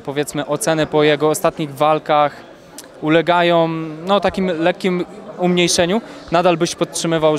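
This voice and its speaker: A young man, a reporter, asking long rambling questions with fillers in a post-fight interview, outdoors on a handheld mic. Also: a little high. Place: outdoors at an event press wall.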